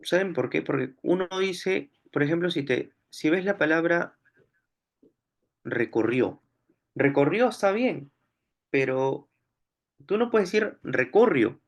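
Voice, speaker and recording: A man's voice: a little high, animated, unhurried, vocal fry. Man explaining grammar exercises step by step. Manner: explanatory, thinks aloud while solving. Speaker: language teacher. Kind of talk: explaining exam questions on phonology.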